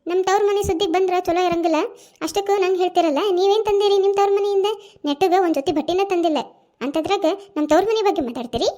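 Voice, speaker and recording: A woman's voice: very high-pitched, quick pace, warm tone. A woman voicing a quarrelsome young daughter-in-law in a cartoon, with a North Karnataka accent and a taunting, indignant way of talking. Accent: North Karnataka Kannada. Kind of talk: cartoon voice acting.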